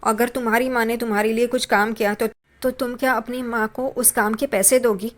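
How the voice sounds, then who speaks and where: A man's voice: very high-pitched, little pitch movement, a little fast. A woman reading out the lines of an indignant young husband who scolds his wife with pointed questions. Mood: reproachful. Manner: reproachful questioning.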